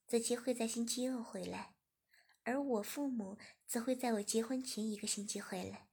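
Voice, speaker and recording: A woman narrates a story in a steady, even reading voice. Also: on the high side, moderate pace, vocal fry, slightly rough. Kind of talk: scripted narration.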